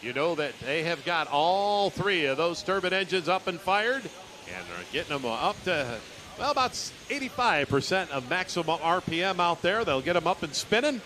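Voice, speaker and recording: Bright, forceful male tractor pull announcer. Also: high-pitched, animated, normal speed. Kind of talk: live sports commentary. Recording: noisy outdoor event with vehicles. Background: engine and outdoor noise.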